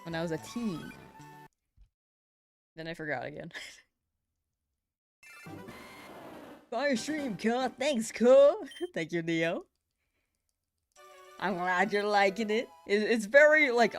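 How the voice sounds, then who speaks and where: Chill young woman streamer, lowish voice, giggly, faint game music behind. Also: expressive, slow pace, pauses often. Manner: laid-back, giggly, chatting with viewers while hunting in a game. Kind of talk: casual live-stream chat.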